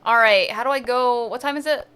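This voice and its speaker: A woman's voice: fairly high pitch, a little fast, bright, forceful tone, smooth. A woman streamer chatting casually over gameplay, thinking aloud and asking herself questions.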